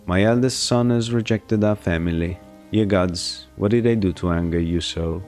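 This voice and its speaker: A man's voice: sits low, normal speed, a little mellow, faint music behind, natural voice. A man voicing an aging noble father, a family patriarch, with a stern, pleading delivery.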